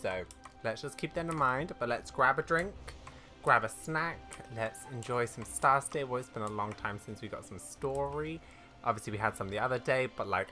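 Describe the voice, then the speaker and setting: With a medium-pitched, sharp-toned voice, a gaming creator whose sex is unclear gives loose, informal commentary on a playthrough, apologizing often and reading dialogue out loud. Keyboard clicks and game music fill the background.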